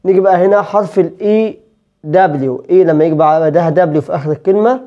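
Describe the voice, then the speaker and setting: A woman with an Egyptian Arabic accent teaching an English pronunciation lesson, explaining quickly and then drawing out each example word slowly and repeating the list. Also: fairly low pitch, highs cut off.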